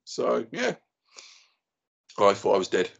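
A man's voice: on the low side, wildly swooping pitch, takes it slowly, creaky, breathy edge, muffled recording. A man in his thirties with an Essex accent, telling an anecdote in casual, blokey, slangy chat. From Essex, England. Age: 30s. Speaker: podcast guest and YouTuber.

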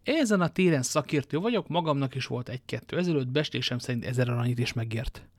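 A man's voice: medium pitch, animated, dry recording, clean studio sound, natural voice. A man reading an audiobook and voicing Athos, a worldly, ironic musketeer, with a languid manner of telling his tale. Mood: wry.

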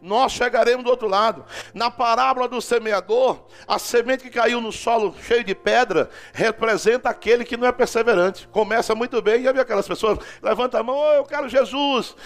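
Fervent male apostle, high-pitched, exhorting sermon delivery. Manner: fervent, exhorting, acts out dialogue. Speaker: apostle preaching.

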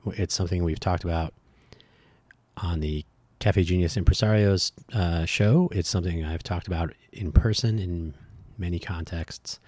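A man's voice: sits low, moderate pace, a little mellow, no room sound. A man hosting a solo podcast, rambling and correcting himself with wry asides, his voice dulled by allergies. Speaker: podcast host.

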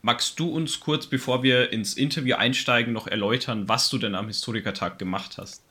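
Young man, bright forceful voice, mid pitch, podcast host, conversational. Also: steady tone, fairly quick.

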